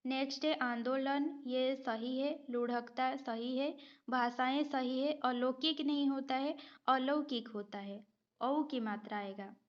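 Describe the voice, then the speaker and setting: High-voiced woman teaching slowly. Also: fairly even intonation, dull audio. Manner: methodical, repeats each word and checks with "ठीक है". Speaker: Hindi grammar teacher. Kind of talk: exam-prep lesson, going through multiple-choice spelling questions.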